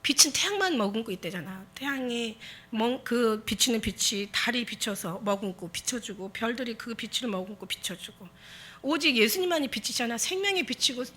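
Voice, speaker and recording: A woman's voice: fairly high pitch, animated, normal speed, pushed and bright. A woman pastor preaching a Sunday sermon, impassioned and exhorting her congregation with emphatic repetition.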